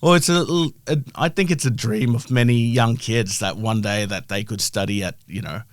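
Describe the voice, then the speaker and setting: A man's voice: on the low side, normal speed, no echo. A middle-aged man with a broad Australian accent, explaining his work as a guest in a conversational interview. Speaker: interview guest, health-tech founder.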